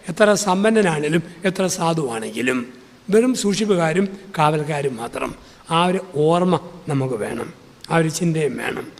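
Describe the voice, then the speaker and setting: A fairly high-voiced male priest delivers a sermon, weaving in humorous stories and repeating key phrases for emphasis. His voice carries a long reverb, as if filling a large hall. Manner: rhetorical repetition, storytelling.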